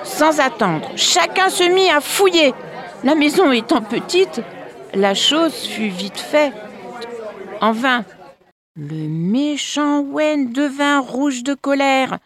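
A woman storyteller reading a folk tale aloud with expressive delivery, addressing her listeners directly. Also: high-pitched, slow, crowd noise. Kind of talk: scripted narration of a folk tale.

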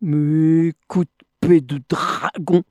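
A woman's voice: deep voice, fairly even intonation, takes it slowly, no room sound, clean studio sound. A woman voicing a clever male monkey in a storybook, hurling mocking insults at a false friend. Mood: furious. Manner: shouting insults, sharp and mocking.

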